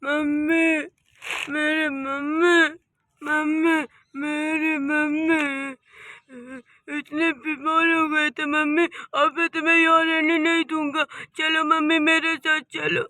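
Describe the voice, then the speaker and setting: A voice actor playing two grasping grown sons in a cartoon story, wheedling and pushy. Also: female voice, high-pitched, little pitch movement, slow pace, sharp tone, dry recording, clean studio sound, heavily acted. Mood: doting. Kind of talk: cartoon voice acting.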